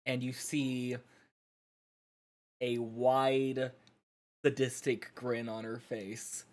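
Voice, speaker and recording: A man improvises story narration as a tabletop player. His delivery is very slow and halting, with dramatic pauses, at a middling pitch. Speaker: player narrating their character.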